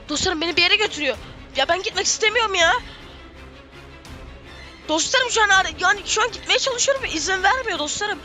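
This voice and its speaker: A young gaming streamer, giving frantic, excited commentary in a squeaky, shrill voice and repeating phrases over and over.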